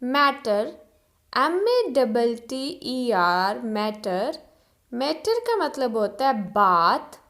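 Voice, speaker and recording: A woman's voice: fairly high pitch, big pitch swings, extremely slow, a bit bright. A woman teaching English vocabulary, saying each word, spelling it out letter by letter and giving its meaning. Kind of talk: slow vocabulary drill.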